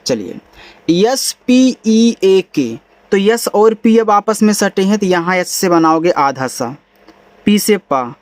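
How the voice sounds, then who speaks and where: A man teaches English in a spoken lesson, patiently explaining spelling and pronunciation in a casual, friendly manner and saying bhai and yaar. His voice sits high with lively intonation, he takes it slowly, and there's no room sound.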